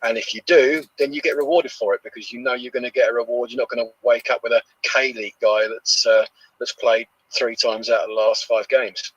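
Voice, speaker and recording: A man giving his views as a podcast guest, casual and a little halting. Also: mid-range voice, steady tone, dry recording, lo-fi sound. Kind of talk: casual strategy talk.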